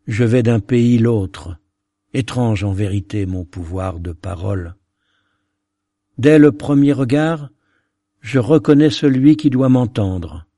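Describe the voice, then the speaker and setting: A man reading a narrative poem aloud in a solemn, measured way. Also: fairly low pitch, mellow, husky, no echo, studio quality.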